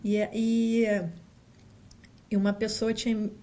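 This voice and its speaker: In a casual interview storytelling her experience, an office guest who works as a data scientist chats along with lots of fillers and restarts, acting out quotes. She's from Rio de Janeiro, Brazil, with a Carioca Brazilian Portuguese accent. Her voice is on the high side, monotone and dark, and she takes it slowly.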